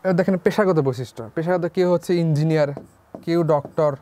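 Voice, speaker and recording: Young man, teacher, lecture, slightly high voice, repeats answers as questions. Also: a little fast, mellow, a little hiss or hum. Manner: repeats key figures as questions to students. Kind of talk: online class lecture.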